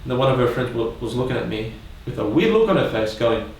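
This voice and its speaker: A man's voice: mid-range voice, quick pace. A man telling funny stories about his own childhood, swearing freely and acting out the voices of the people in them. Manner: animated, swearing, acts out voices of others. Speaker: storyteller. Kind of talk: comic personal storytelling. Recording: echoey room, from a distance.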